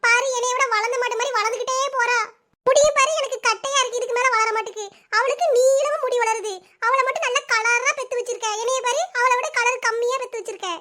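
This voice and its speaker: Woman doing a shrill whiny teen sister. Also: steady tone, quick pace, bright, forceful tone. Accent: southern Tamil Nadu. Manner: shrill, complaining, sulky. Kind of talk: cartoon voice acting.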